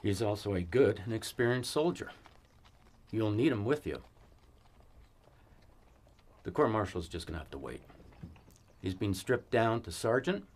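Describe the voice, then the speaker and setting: An actor playing a weary cavalry fort commander in a western film, giving measured, authoritative orders. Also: male voice, on the low side, lively intonation, darkish tone. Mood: stern. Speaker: army post commander.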